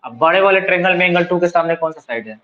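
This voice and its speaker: Fast and animated, a man with a high, sharp-toned voice runs a math class at a coaching centre in colloquial, Bihari-accented Hindi laced with English math terms. He fires questions at students and answers them himself while working through the steps. The audio sounds dull.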